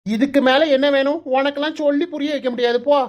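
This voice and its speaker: A woman with a Kanyakumari Tamil accent voicing a calm, pious middle-aged village husband in a cartoon, reasoning slowly and soothingly. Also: high-pitched, dull audio, natural voice.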